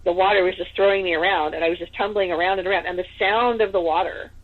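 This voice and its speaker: A woman's voice: fairly low pitch, steady tone, fast, husky. Chatty woman over a tinny phone-like line. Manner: chatty, full of "like" and "you know". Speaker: podcast guest. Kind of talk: casual storytelling.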